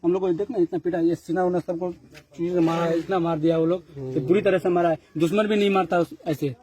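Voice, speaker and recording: A man's voice: high-pitched, fairly even intonation, a little fast. Agitated man recounting an attack. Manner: urgent, repetitive, pleading. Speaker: party worker describing an attack. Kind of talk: agitated street interview account. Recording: loud crowd behind.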